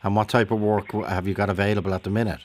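Low-voiced Irish radio host. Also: male voice, flat delivery, a little mellow. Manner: brisk, chatty, with frequent restarts. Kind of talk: live radio talk.

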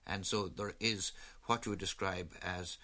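A man, giving considered interview answers in a formal, measured way. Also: low voice, fairly even intonation, pushed and bright. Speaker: interviewed commentator on tourism.

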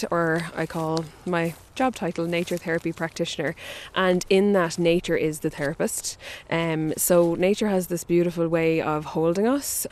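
A woman's voice: on the low side, a little mellow. A woman speaking outdoors as a nature guide, explaining things reflectively. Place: outdoors in a forest. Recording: faint outdoor ambient noise.

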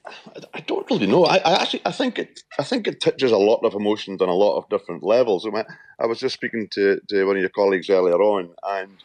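A man in his fifties from Shetland with a Shetland Scottish accent, chatting as a radio interview guest in a halting way, often repeating words. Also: on the low side, sing-song, darkish tone, no room sound. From Shetland, Scotland. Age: 50s.

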